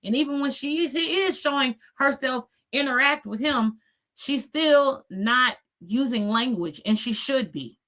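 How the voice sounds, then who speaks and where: A woman's voice: sits high, a little slow, a bit bright. A woman in her forties hosting a reaction channel, giving blunt, sassy commentary and tagging her points with "okay?".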